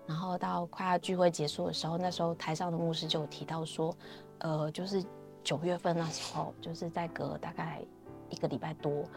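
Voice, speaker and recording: Gravelly low-voiced Taiwanese Mandarin woman. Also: little pitch movement, brisk, music in the background. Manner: chatty retelling, frequent trailing fillers. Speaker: guest sharing her testimony. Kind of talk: personal faith testimony, storytelling.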